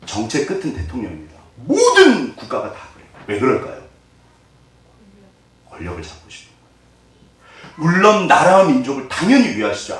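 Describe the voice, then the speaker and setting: A man's voice: medium pitch, a bit bright. A middle-aged male pastor preaching a conversational Easter sermon in a church and acting out the voices he quotes. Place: church sanctuary. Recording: echoey hall, distant mic.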